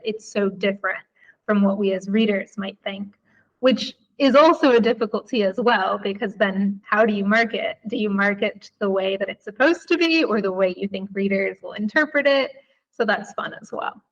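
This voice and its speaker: A woman from the Chicago area talks as a podcast guest, reflective and friendly, with an occasional um. Her pitch sits in the middle range. The audio is a little dull. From United States, Chicago area. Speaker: guest author. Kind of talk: casual podcast interview.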